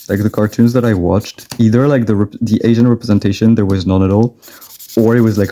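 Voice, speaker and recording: His voice is mid-range and dark as this young man from France, a native French speaker, draws for a vlog. He chats casually and rambles, laughing frequently along the way.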